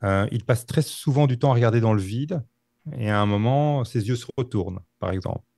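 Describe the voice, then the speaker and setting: A man telling a true-crime story on a podcast, halting with many fillers and restarts. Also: mid-range voice, gravelly, mellow, no echo, clean studio sound. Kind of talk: casual storytelling.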